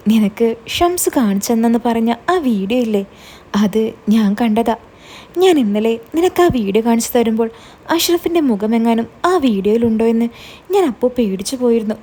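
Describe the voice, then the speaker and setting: A warm-hearted older man who speaks gently and reassuringly, voiced by a woman reading a story. The tone is mellow and a little breathy, pitched somewhat high. He sounds calm and soothing throughout. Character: kindly older man, protective and calming.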